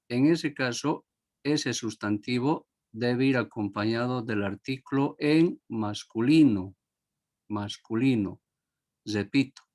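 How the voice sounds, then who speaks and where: A man teaching a grammar lesson to a class, repeating each example word and asking if everyone understood. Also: medium pitch.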